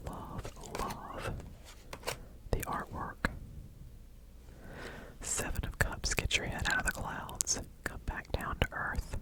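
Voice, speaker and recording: Slow, whispered ASMR host. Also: poor audio. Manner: soft, unhurried, halting whisper.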